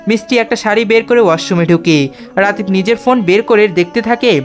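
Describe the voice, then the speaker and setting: A woman narrates a scripted story in a steady, even reading voice. Soft music plays quietly in the background. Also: medium pitch, fairly quick.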